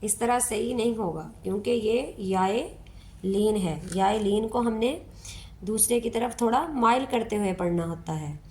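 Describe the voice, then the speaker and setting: A woman, a Quran teacher explaining pronunciation rules step by step in a slow, patient way. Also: mid-range voice, darkish tone, a little hiss or hum. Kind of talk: step-by-step recitation lesson.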